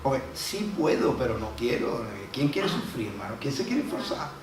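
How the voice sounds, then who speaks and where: A man's voice: mid-range voice, sing-song, normal speed, background noise. A man preaching a sermon as pastor, telling folksy stories and acting out the voices he quotes. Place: church hall. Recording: echoey hall from a distant mic.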